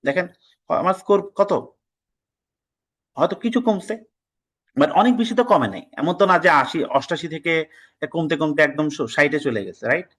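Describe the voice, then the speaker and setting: Guy from bangladesh running an online test prep class, voice a bit on the high side, mixes english in, scolds students sometimes. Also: animated, a bit bright, rough recording. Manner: reads practice passages aloud slowly and deliberately.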